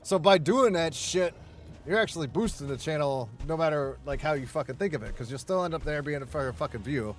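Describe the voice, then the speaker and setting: A man's voice: fairly high pitch, animated, a little fast. Man cursing through casual gaming chat. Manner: profane, rambling, many restarts. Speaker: gamer chatting with a friend.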